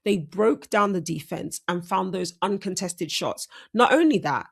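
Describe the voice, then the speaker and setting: A woman's voice: fairly low pitch, expressive, measured pace, gravelly, slightly rough. A woman hosting a casual sports breakdown, chatty and self-correcting, her speech slightly impeded by braces. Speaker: host.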